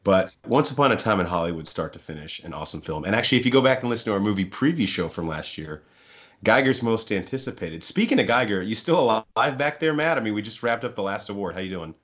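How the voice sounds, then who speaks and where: Lower-pitched man bantering on a podcast. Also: expressive, quick pace, fairly bright tone. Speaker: podcast co-host. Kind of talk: joking casual banter.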